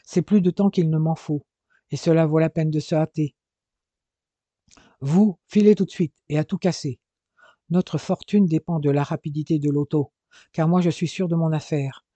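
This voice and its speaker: A man's voice: a little high, steady tone, normal speed, dark tone, dry recording, lightly acted. A man voicing a seething, scheming adventurer. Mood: commanding. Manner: urgent, growling.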